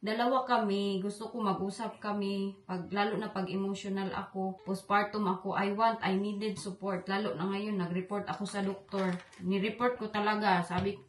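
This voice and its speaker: A woman's voice: mid-range voice, little pitch movement, normal speed, reverberant. A young woman talks through a painful situation in an emotional, rambling confessional vlog. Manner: tearful, upset, rambling, mixes in English. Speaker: vlogger.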